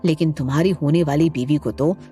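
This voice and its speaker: A woman voicing a stern middle-aged father who speaks in a low, weighty, accusing way. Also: a little fast, mellow, faint music behind, lightly acted.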